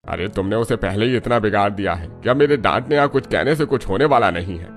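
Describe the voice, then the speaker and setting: A man's voice: lowish voice, expressive, fast, faint music behind. A man voicing an easygoing, indulgent middle-aged father in a cartoon, casual and placating.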